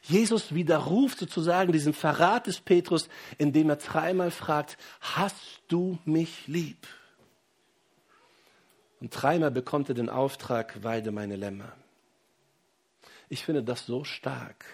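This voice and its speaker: Husky-voiced man preaching a sermon. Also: a little high. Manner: preaching with rising emphasis and pauses, addressing the congregation directly. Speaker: pastor.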